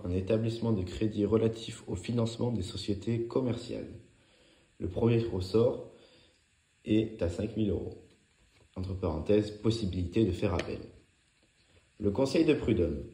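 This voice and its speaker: A man's voice: lowish voice, moderate pace, mellow. A man reading scripted study notes aloud as a lesson, in a clipped, didactic, item-by-item delivery. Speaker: narrator of a law revision lesson. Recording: echoey, roomy sound.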